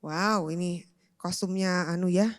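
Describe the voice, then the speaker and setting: A woman pastor, preaching a lively youth sermon and switching between loud outbursts and quiet talk. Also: fairly low pitch, a little slow. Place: church hall. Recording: long church hall reverb.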